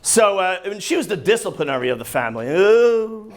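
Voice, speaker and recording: A man from New Jersey with a New Jersey accent doing a brash, profane stand-up set, singing and shouting bits on a comedy club stage. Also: sits high, sing-song, fairly quick. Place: comedy club stage before a laughing audience. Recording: live club crowd audible.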